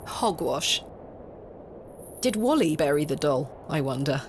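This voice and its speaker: A woman's voice: deep voice, very animated, slow, background noise, heavily acted. A woman voicing a wry, independent, curious lady antiquarian in a video game, articulate and self-possessed. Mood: curious, musing. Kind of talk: video game protagonist monologue.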